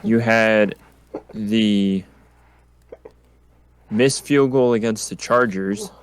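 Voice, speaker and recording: A man's voice: lowish voice, drawn-out words, clean tone. A man hosting a casual sports predictions chat in an easygoing, laid-back way. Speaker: podcast host.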